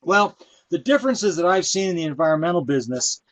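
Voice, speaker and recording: A man's voice: sits high, quick pace. Man giving a casual conference talk. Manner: relaxed, conversational, many fillers. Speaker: conference presenter.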